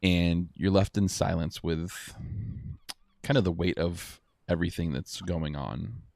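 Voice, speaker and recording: A man running a tabletop game as game master, narrating scenes and explaining rules in a casual, halting way. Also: deep voice, steady tone, gravelly, a little mellow, dry recording, clean studio sound.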